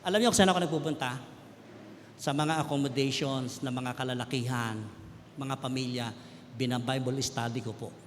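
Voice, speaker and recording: A middle-aged man with a Filipino accent giving an emotional sermon testimony, telling his story in turns of loud urgency and hushed quiet. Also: medium pitch, fairly even intonation, moderate pace. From Philippines. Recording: echoey hall with faint background noise.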